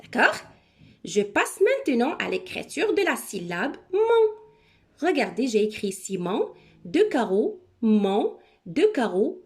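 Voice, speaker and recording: A woman teacher giving a recorded handwriting lesson to young children, explaining each step slowly and checking in often. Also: fairly high pitch. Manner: slow, step-by-step instructions with frequent check-ins. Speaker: primary school teacher. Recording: echoey room.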